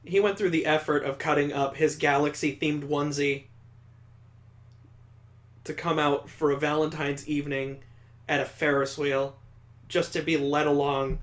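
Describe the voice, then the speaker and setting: A man's voice: on the high side, flat delivery, moderate pace, pauses often. A man giving casual, sarcastic commentary while playing a story game. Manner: sarcastic, joking. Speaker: let's play host. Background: faint music.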